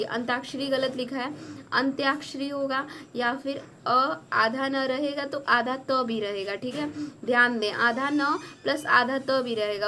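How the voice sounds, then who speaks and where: A woman tutoring exam students on spelling, going word by word slowly and repeating corrections. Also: high voice, bright, forceful tone, a little hiss or hum. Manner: slow, repetitive, correcting each word. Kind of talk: spelling lesson.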